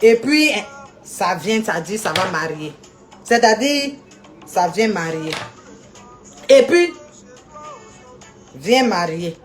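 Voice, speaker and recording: A woman's voice: medium pitch, lively intonation, slow pace, long pauses, soft background music. A woman ranting indignantly on a live video stream, scolding people and greeting viewers by name.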